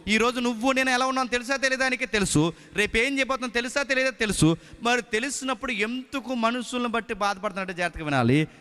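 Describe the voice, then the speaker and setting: A man preaching a sermon, swinging from loud, repeated emphatic lines to quiet, low storytelling. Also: quick pace, clear, resonant tone. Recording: long hall reverb.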